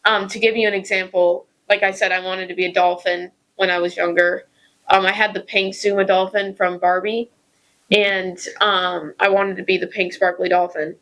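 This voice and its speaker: A woman's voice: medium pitch, moderate pace, low-quality recording. A young woman, a student co-hosting a podcast, chatting casually with frequent ums and likes. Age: young adult. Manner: relaxed, many ums and likes. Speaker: podcast co-host, university student. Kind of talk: casual chat.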